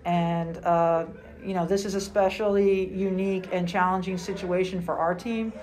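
Measured woman coach, lowish voice. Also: fairly even intonation, a little mellow. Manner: measured, halting, many fillers. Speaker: basketball head coach. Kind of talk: postgame press conference answers. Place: small room indoors at a table.

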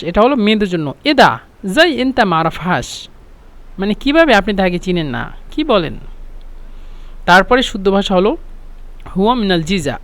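A man, teaching a spoken Arabic lesson patiently, repeating phrases and filling pauses with "meaning". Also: high voice, a bit bright, dry recording.

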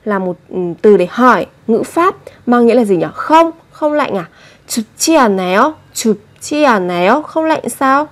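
A woman leads a language lesson in a slightly high voice. She explains grammar step by step and patiently repeats example words slowly. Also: lively intonation. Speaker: Korean language teacher.

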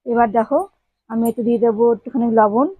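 A woman's voice: a little high, fairly even intonation, fast, breathy edge, dry recording, phone-quality sound. A woman hosting a home cooking channel, chatting to viewers as she explains each step of a recipe. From Bengal. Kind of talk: casual cooking demonstration.

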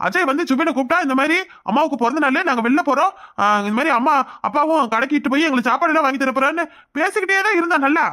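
A woman's voice: high-pitched, expressive, rapid-fire, pushed and bright. A woman voicing a flustered young husband in a cartoon comedy, who pleads in a panic. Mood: panicked.

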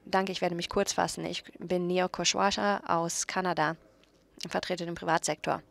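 A woman working as a simultaneous interpreter at a conference panel, relaying several speakers in a steady voice and often correcting herself mid-phrase. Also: fairly low pitch, moderate pace, vocal fry.

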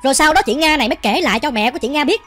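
A woman's voice: high voice, expressive, rapid-fire, fairly bright tone, soft background music. A woman with a Southern Vietnamese accent telling a ghost story in a chatty way, often speaking directly to her listeners. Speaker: storytelling channel host. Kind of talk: ghost story narration while cooking.

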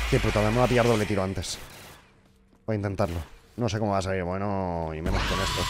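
Brief young gamer, mid-pitch, cursing and muttering over his match, noisy game sound behind. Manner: frustrated, swears often, talks to the game. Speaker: gaming streamer. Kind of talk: live gameplay commentary.

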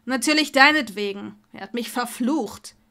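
A woman voicing an arrogant young wizard man in an audiobook, with a hushed, drawling manner. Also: a little high, moderate pace. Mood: impatient. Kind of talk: audiobook character voice.

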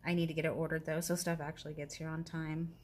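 A woman in her thirties chatting casually to viewers while she crafts, rambling and self-deprecating, now and then dropping to a soft whisper as she works. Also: sits low, little pitch movement, fast, slight background noise. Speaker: crafting vlogger.

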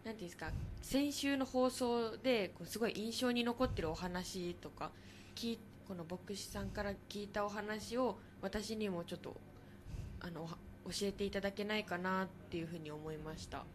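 A woman's voice: medium pitch, normal speed, background noise. A woman co-hosting a radio talk show, giving frequent short acknowledgements and asking polite questions. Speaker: radio co-host. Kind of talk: casual radio chat.

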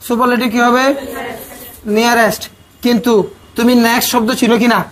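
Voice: mid-range voice, level tone, brisk, a bit bright, slight background noise. A teacher giving an exam coaching grammar lecture, often asking the class questions and then answering them. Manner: casual, speaks to students as "tumi".

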